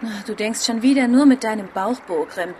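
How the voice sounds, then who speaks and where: A fairly high-voiced, sharp-tongued warrior woman as acted by a woman in a fantasy audio drama. She is sardonic and teasing, with faint ambient noise behind her. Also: moderate pace, lightly acted.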